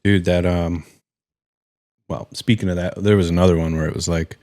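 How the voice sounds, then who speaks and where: A man co-hosting a podcast in casual chat, laid-back and halting. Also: low voice, little pitch movement, darkish tone, no room sound, clean studio sound. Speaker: podcast co-host.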